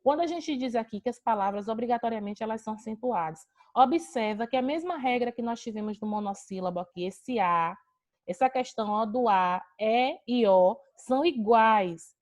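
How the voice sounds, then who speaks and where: Over a video call, a woman from Brazil gives a grammar lesson at a moderate pace. Her voice sits a little high and sounds a little mellow. Patiently, she poses a question about each rule and then supplies the answer.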